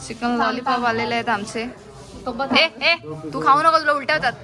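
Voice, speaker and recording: A woman's voice: a little high, brisk. A woman with a Marathi Koli accent, chatting and teasing as she films a wedding vlog. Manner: chatty, teasing, talks to camera. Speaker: vlogger. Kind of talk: casual vlog chat. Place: outdoors at a busy wedding. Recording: noisy crowd around.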